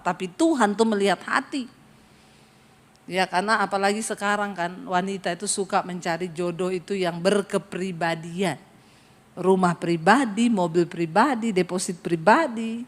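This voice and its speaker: Middle-aged woman preacher, higher voice, comic lively delivery, acts out quotes. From Sulawesi. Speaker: pastor. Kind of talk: humorous sermon.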